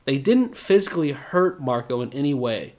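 A man in casual podcast chat, breaking down scenes with lively, joking asides. His pitch sits in a middle range for a man. He sounds loose and conversational. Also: moderate pace. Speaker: podcast co-host.

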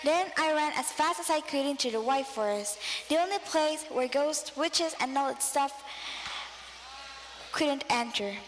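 A woman's voice: sits high, measured pace. A woman narrating a dramatic first-person story as a storyteller. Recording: long reverb, faint background noise.

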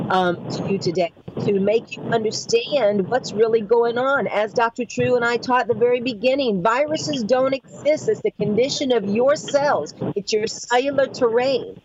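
A woman talking as a call-in guest over a choppy connection that keeps breaking up, giving an urgent, preachy warning and often halting to repeat words. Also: on the high side. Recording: lo-fi breaking-up call line with noise.

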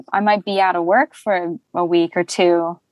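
A woman's voice: fairly low pitch, measured pace, no room sound. Chatty woman voice actor, dry sound. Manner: chatty, animated, laughs often, many fillers. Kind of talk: casual interview chat.

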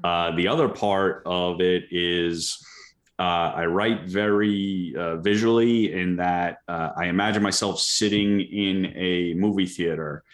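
A man, a guest author, answering in a casual interview, halting and repeating words. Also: sits low, steady tone.

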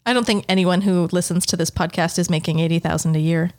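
A woman's voice: lowish voice, fairly even intonation, fast, a little mellow. Woman podcast co-host; dry, matter-of-fact teaser, casual banter.

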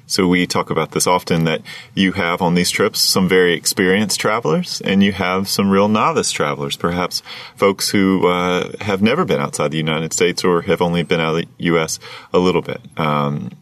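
Very deep-voiced male podcast host. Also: normal speed, no echo. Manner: relaxed questioning with frequent fillers. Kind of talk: podcast interview.

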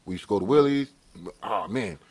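A man's voice: on the low side, animated, a little fast, darkish tone, breathy edge. A middle-aged man chatting and telling stories casually, streetwise and profane, often checking that listeners follow. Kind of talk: casual chat, storytelling.

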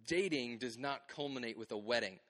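A man in his thirties preaching a sermon, telling stories with animated delivery and acting out bits of dialogue. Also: medium pitch, a little fast. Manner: animated storytelling, acts out quoted dialogue. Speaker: pastor. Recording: long hall reverb.

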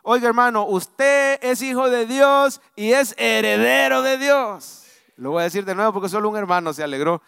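A man with a Salvadoran accent preaching a live sermon to his congregation, swinging from loud exhortation to soft, low asides. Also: moderate pace, gravelly, clean tone, no echo, clean studio sound. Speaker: pastor. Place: church sanctuary.

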